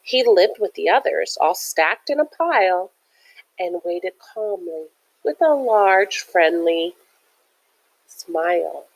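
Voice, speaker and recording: A woman reads a picture book aloud like a teacher, adding chatty, encouraging asides that explain things simply to young listeners in an animated read-aloud. Her voice is on the low side and gravelly, lively but slow-paced. The audio quality is poor.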